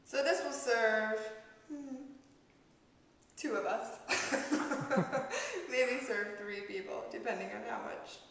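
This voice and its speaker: A woman in her thirties hosts a casual home cooking vlog, chatty and giggly, in a large home kitchen. Her voice is a little high and slow, with long pauses. A camera mic across the room picks her up, giving echoey kitchen sound with hiss.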